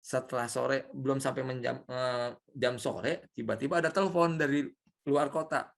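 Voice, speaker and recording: A young man lectures students on leadership in a loose, conversational way. He tells stories and keeps asking the audience questions, and his voice sits at an ordinary middle pitch. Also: steady tone, normal speed, gravelly. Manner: chatty, poses rhetorical questions to the audience. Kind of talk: informal classroom lecture with anecdotes.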